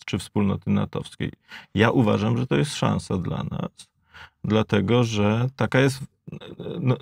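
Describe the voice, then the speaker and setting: A man in his fifties with a Polish accent sets out his views in a panel debate, measured but stumbling over restarts. His low voice has a strongly gravelly fry. The close lapel mic keeps the sound dry. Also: a little mellow, no room sound. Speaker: debate guest, geopolitical analyst. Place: studio with blue backdrop.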